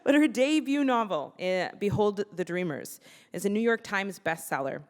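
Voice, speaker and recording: A woman hosting an author talk on stage, enthusiastic and quick to laugh. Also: medium pitch, animated. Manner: enthusiastic, warm, laughing asides. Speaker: interviewer. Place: public library event hall. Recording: long reverb of a hall.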